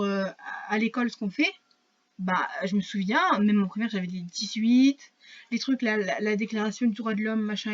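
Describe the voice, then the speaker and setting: A teenage girl vlogger with a voice on the high side chats casually to camera, with lo-fi sound. She rambles and mocks herself, with lots of fillers and restarts.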